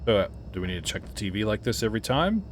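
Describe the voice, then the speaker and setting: A man's voice: lowish voice, big pitch swings, very fast, a little hiss or hum. A man casually commenting as he plays a horror game, thinking aloud, puzzled, with startled yelps and laughs. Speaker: game reviewer playing a horror game. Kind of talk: casual let's-play commentary.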